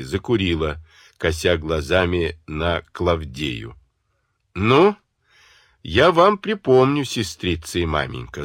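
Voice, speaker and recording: Deep, husky male audiobook narrator. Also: dry recording, studio quality. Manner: dramatic, varied delivery.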